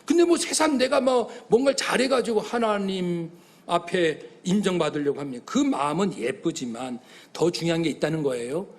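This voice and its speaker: A middle-aged man delivers a sermon from the pulpit. His voice sits high for a man. He preaches with feeling and acts out the voices of the people in his story. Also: normal speed. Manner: animated preaching, acting out voices of God and congregants. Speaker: pastor.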